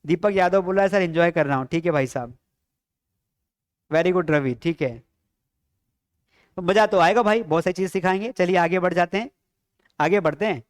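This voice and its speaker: A man's voice: high-pitched, normal speed, long pauses. A man with an Indian accent teaching a spoken English lesson, drilling his students with repeated questions. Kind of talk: classroom lesson.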